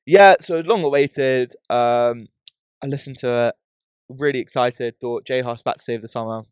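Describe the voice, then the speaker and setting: A man's voice: mid-range voice, normal speed, clean tone, no echo, studio quality. A British man hosting a podcast in casual, slangy chat, often tagging his points with "bro" or "yeah". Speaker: podcast host.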